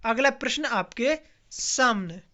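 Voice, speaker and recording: A man's voice: very high voice, expressive, slow, bright, forceful tone. A man teaching an online exam practice lesson, asking viewers questions and answering them himself. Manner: quizzes viewers, repeats and answers own questions. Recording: dull lo-fi recording.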